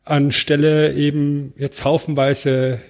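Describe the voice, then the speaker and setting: A man co-hosting a casual film podcast, explaining things in a joking, measured way. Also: on the high side, flat delivery. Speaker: podcast co-host.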